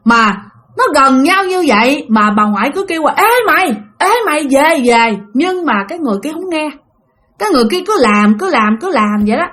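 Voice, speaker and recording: A woman's voice: high voice, animated, a little fast, a bit bright. A young woman, chatting through ghost stories and talking straight to her listeners. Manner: chatty, addresses listeners directly. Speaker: storyteller.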